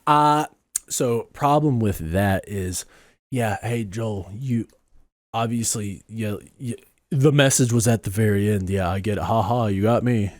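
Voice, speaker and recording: A man's voice: on the low side, measured pace, no echo, studio quality. Sarcastic man reacting to a clip. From Southern United States. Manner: sarcastic, rambling, mock-serious, sudden soft asides. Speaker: reaction video host. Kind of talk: sarcastic commentary over a clip.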